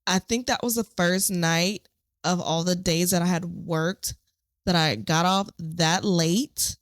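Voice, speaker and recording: A woman podcast host, a nurse, telling a story from a shift in a lively, animated way. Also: on the low side, slow, dry recording, studio quality. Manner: animated storytelling, acts out quotes.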